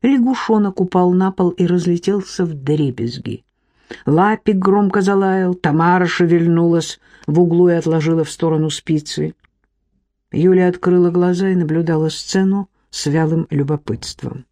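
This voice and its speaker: Low mellow woman narrating an audiobook. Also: moderate pace, dry recording.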